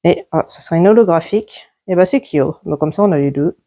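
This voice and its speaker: Chatty woman with a low, mellow voice. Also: a little fast. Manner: chatty, lists cards one by one. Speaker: YouTuber opening card packs. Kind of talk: casual pack-opening commentary.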